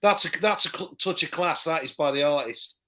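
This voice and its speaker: A man's voice: fairly high pitch, brisk, crowd noise. A man co-hosting a casual podcast chat, teasing his co-hosts wryly.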